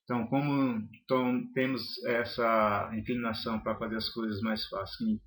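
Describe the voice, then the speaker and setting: A man's voice: medium pitch, level tone, moderate pace, fairly bright tone. A man teaching a grammar lesson, listing examples one by one in a methodical way with some hesitations.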